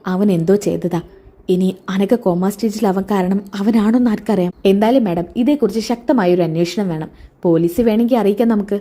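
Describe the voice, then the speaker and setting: A woman playing an earnest male informant in a retold serial, explaining with eager helpfulness. Quick and mellow. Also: mid-range voice, lightly acted.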